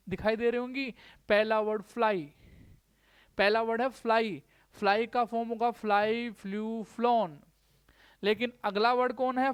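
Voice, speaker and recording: A woman's voice: on the high side, clean tone. Woman teacher drilling verb forms. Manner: repeats words slowly for drilling, asks the class checking questions. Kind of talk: exam-prep grammar lesson.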